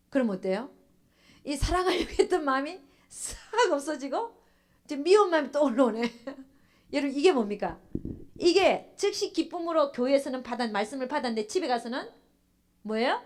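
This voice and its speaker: Animated woman pastor preaching. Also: high-pitched. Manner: animated preaching, asks the congregation questions, acts out church members' thoughts. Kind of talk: sermon.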